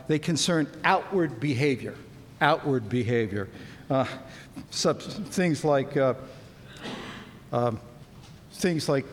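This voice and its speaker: A man giving a lecture, speaking deliberately with frequent ums and repeating key words for emphasis. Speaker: lecturer on canon law. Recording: echoey hall with faint rumble.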